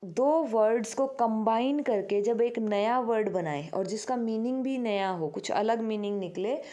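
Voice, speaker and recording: A woman's voice: fairly high pitch, measured pace, mellow. A woman teaching a grammar lesson, patiently asking the class questions and answering them herself. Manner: addresses pupils affectionately as "beta".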